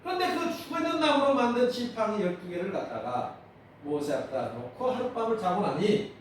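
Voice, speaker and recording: A male pastor with a Jeolla accent preaching a sermon, animated and calling out questions to his congregation. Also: extremely high pitch, slight background noise. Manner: animated, calls for congregation responses. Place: church sanctuary. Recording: distant mic in echoey church hall.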